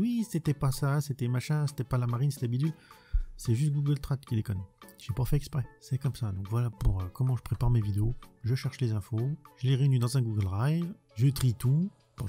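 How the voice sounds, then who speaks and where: A man's voice: mid-range voice, mellow. A man chatting bluntly in a casual vlog, rambling and restarting as he answers viewer questions. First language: French.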